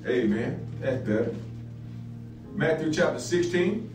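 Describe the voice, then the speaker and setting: Middle-aged male pastor, high voice, preaching with repetition, distant and roomy over faint music. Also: animated, unhurried. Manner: repeats phrases, builds to emphatic peaks. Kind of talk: sermon-style Bible lesson.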